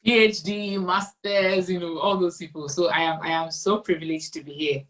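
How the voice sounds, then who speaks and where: A woman's voice: on the low side, steady tone, normal speed, far from the mic, poor audio. A young Ghanaian woman with a Ghanaian accent, a guest telling her story in a friendly, casual interview, often laughing and repeating words as she starts. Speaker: guest, nurse.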